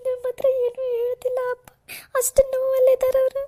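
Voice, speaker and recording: A woman's voice: very high voice, flat delivery, moderate pace, warm tone. A woman voicing a frightened, crying young daughter in a cartoon. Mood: distraught.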